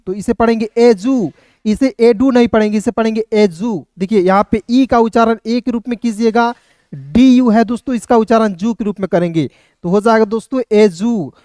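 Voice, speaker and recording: A man's voice: extremely high pitch, a little mellow, smooth, no room sound, clean studio sound. A man teaching an online language lesson, spelling words out letter by letter and repeatedly asking his viewers questions, then answering them himself. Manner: keeps addressing viewers as friends. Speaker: English teacher.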